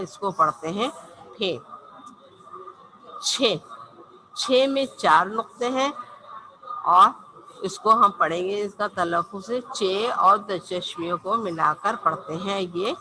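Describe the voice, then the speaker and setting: A woman's voice: mid-range voice, bright, forceful tone, a little hiss or hum, rough recording. A woman teacher giving an online language lesson, patiently spelling out and repeating each letter.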